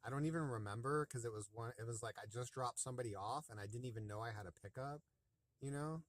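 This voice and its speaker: A man's voice: mid-range voice, fast talker, dry recording. A man working as a rideshare driver, calling support and rambling through his story with lots of fillers. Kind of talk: casual phone call. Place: in his car, also the vlog setting.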